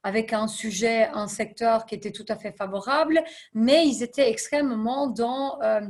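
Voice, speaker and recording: A woman's voice: on the high side, fairly even intonation, normal speed, a little mellow. A woman in her thirties, a podcast guest, answering interview questions thoughtfully with frequent hesitations and English business terms. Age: 30s. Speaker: podcast guest, nonprofit CEO.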